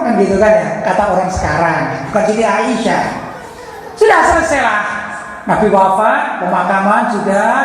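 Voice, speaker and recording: A woman's voice: on the high side, a little hiss or hum. Woman preaching in an echoey hall. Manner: animated, quizzes the audience and acts out quoted dialogue. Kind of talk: religious lecture with storytelling. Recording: echoey hall with long reverb.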